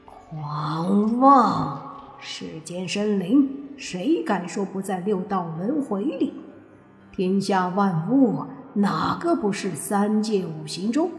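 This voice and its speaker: A woman's voice: medium pitch, animated, takes it slowly, roomy sound, long reverb tail, soft background music. A woman voicing a haughty male underworld night-patrol spirit who declaims sternly.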